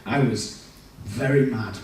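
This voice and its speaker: Speaking slowly in a medium-pitched, slightly mellow voice, a young man offers a frank, self-deprecating personal testimony in church, often starting over mid-thought. He's recorded as a church speaker by a far-off mic in an echoey hall, with a little hiss or hum.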